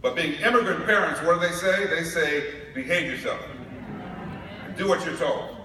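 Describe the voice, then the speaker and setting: A New York man delivers a conference keynote in a large hall, telling humorous stories. His slightly high voice has a sharp tone and moderate pace, recorded from far off in an echoey, noisy hall.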